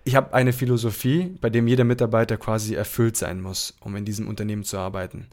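Speaking fast in a lowish, darkish voice with fairly even intonation, the podcast's young host chats casually. He's from Apulia in southern Italy, and his answers run long and rambling, loaded with fillers.

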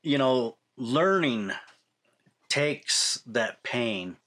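A male interview host who talks slowly and deliberately. He draws out his phrases and pauses on fillers as he muses over what his guest has said. His voice sits at a middle pitch. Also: expressive, a bit bright. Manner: slow, musing, drawn-out phrasing with fillers. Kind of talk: interview conversation.

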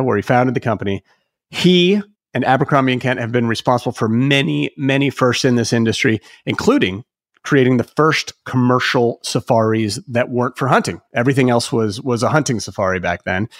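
A man hosting a travel podcast introduces his guest enthusiastically and asks questions, sounding admiring with some restarts. His mid-range voice is recorded dry with clean studio sound.

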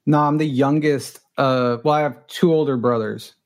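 A middle-aged Los Angeles man, Spanish his first language, speaks at a normal speed with a medium-pitched, steady voice. He's a guest recounting his own story candidly and self-deprecatingly, often restarting his sentences.

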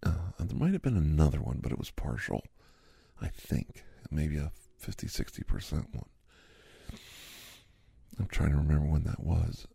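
A man's voice: extremely low pitch, lively intonation, normal speed, vocal fry, mellow, breathy edge, dry recording, heavily acted. A man doing a whispered role-play as a chatty doctor in his fifties who gives a massage, rambling easily in a half-whispered voice. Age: 50s. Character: chatty fifty-something male doctor giving a massage. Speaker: ASMR host.

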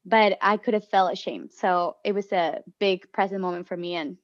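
A woman whose first language is Spanish, chatting loudly and animatedly as a life coach guest on a podcast. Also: lowish voice, moderate pace. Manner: loud and animated by her own account. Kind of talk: casual podcast chat. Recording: dull lo-fi sound.

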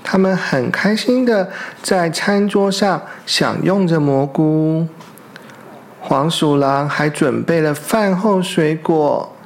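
A storyteller, reading a picture book aloud to young children and asking them questions. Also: medium pitch. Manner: slow, gentle, asks the children questions.

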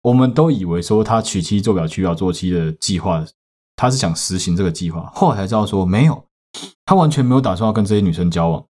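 A man with a Taiwanese Mandarin accent, telling a story casually on a podcast and swearing in sudden loud outbursts. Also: low-pitched, animated, fast talker. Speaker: podcast host.

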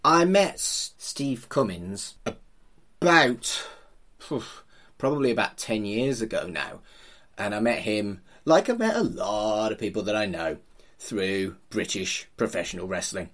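A man's voice: lowish voice, animated, a little slow, a bit bright. A middle-aged man, hosting a podcast in an informal, teasing, chatty way. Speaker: podcast host, funeral celebrant.

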